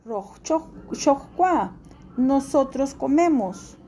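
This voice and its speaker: Woman teacher, high pitch, slow patient delivery, repeats forms for class. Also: lively intonation, dark tone, a little hiss or hum. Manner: patient, repeats each form slowly for students. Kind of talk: classroom language lesson.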